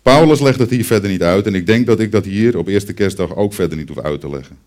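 A preacher with a deep, low-pitched voice delivers a Christmas sermon. He speaks straight to the children and the congregation, drawing them in with a story. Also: fast talker, darkish tone. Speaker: pastor.

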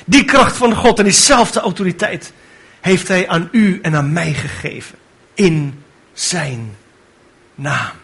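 A man's voice: high voice, slow pace, vocal fry, pauses often, a bit bright, slightly rough. A man preaching a sermon with fervent delivery, building to emphatic rhetorical questions.

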